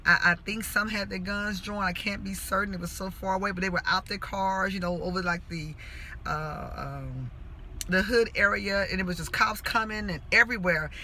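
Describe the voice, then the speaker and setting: A woman's voice: mid-range voice, normal speed, sharp tone, a little hiss or hum, rough recording. A middle-aged woman, a mother, speaking earnestly in a personal vlog monologue and making impassioned appeals to parents and young people. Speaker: mother and school worker.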